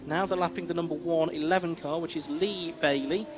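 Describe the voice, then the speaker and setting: A man's voice: on the high side, steady tone, a little fast. A man working as a motorsport commentator, calling a race live with descriptive play-by-play. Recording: noisy trackside outdoor sound, engines behind.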